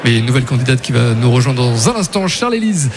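At a trade fair, a radio game show host with a mid-range voice runs his quiz in a highly animated, fast-talking way, playful, teasing and informal. Music sits behind his voice along with background noise.

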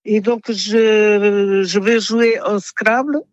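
Retired Portuguese-accented woman, slow, hesitant; dry, slightly muffled audio. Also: medium pitch, fairly even intonation, dry recording. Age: older. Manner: halting, many restarts and fillers. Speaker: interviewee. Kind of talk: radio interview.

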